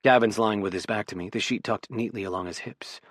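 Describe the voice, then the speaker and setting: A man's voice: fairly low pitch, a bit bright, no echo, studio quality. Man narrating an intimate audiobook. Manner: intimate, measured storytelling. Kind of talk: first-person romance narration.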